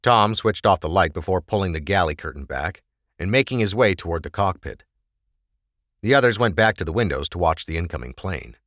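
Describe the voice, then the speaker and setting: A man's voice: low voice, lively intonation, brisk, a bit bright, dry recording. A man narrating an audiobook with a dramatic, varied delivery on a close microphone.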